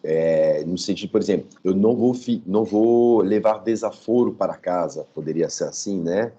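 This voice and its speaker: Lecturing online from his home, a man who is a professor walks his listeners through the material step by step, teaching didactically and checking in with "tá?". His voice sits low and is dark and husky, at a moderate pace. A dog is nearby, and the recording sounds muffled.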